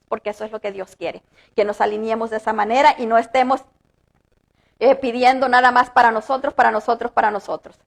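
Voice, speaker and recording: A woman pastor delivers a sermon in a high, clear voice. She preaches with earnest conviction, lifting her voice to stress a point and slowing down when she reads scripture. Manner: earnest, rises with emphasis, slows to read scripture. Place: church.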